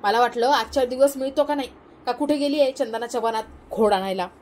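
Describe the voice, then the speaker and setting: A woman's voice: a little high, fast talker, darkish tone, a little hiss or hum, close to an everyday voice. A woman voicing a bossy, scolding mother-in-law. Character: domineering, short-tempered middle-aged mother-in-law.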